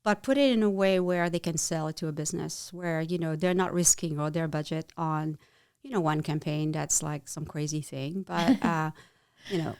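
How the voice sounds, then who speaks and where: A middle-aged woman from France with a French accent, speaking as a guest in a casual interview, halting with many restarts. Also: deep voice, fairly even intonation, darkish tone, clean tone, dry recording, clean studio sound. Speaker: guest, chief marketing officer.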